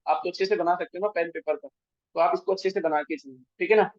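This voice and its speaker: Indian male teacher, high voice. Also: fairly even intonation, quick pace. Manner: mixes Hindi and English, checks in with frequent tag questions. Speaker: history teacher. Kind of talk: online exam-prep lecture. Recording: dull, dry lo-fi sound.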